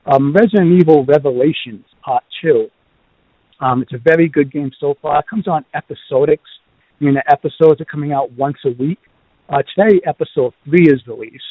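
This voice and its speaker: Slightly high-voiced and talking a little fast, a podcast host with a Boston accent chats loosely through reviews, full of ums and uhs. The sound is dry, lo-fi and phone-like, with no echo.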